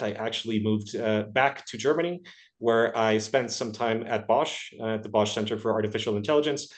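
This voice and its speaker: A man from Ecuador in his thirties, a research engineer answering interview questions at length, hesitant and full of filler sounds. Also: on the low side.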